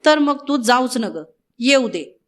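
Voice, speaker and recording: A woman's voice: high voice, animated, slow pace. A woman reading the part of a bold young village hero who speaks in a commanding tone. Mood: firm.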